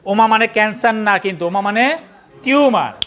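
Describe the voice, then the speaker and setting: A man's voice: sits high, moderate pace, a bit bright. A man with a Bangladeshi accent teaching a pathology class, quizzing students, spelling out terms letter by letter and teasing latecomers. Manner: scolding latecomers and joking in colloquial speech. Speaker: pathology trainer. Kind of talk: classroom lecture.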